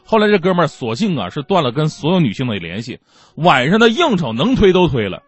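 Man, stand-up comedy monologue, playful and self-mocking, acts out quotes, highish voice. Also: fast, slightly rough, no echo. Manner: animated storytelling with acted-out quotes.

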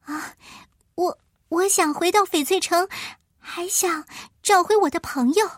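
A woman's voice: very high voice, measured pace, no room sound, studio quality, voice pushed up. A woman voicing a timid, earnest young girl in a children's storybook. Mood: anxious.

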